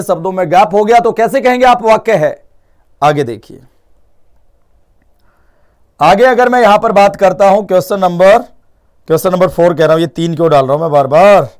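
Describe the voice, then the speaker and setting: A young man teaching a live online Hindi grammar class, lively, quizzing students with repeated questions and mixing English words into his talk. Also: high voice.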